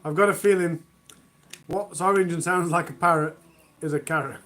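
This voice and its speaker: Male streamer, high voice, reads bad jokes live from home and groans at them. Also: fairly even intonation, moderate pace, fairly bright tone. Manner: self-mocking, groans at own jokes. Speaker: livestream host. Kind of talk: reading jokes on a charity livestream.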